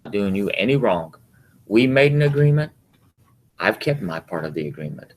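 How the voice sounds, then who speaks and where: Low-voiced man, rambling and halting. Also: very animated, slight background noise. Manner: rambling, halting, many fillers. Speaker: podcast co-host, husband. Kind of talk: casual chat about scripture and work.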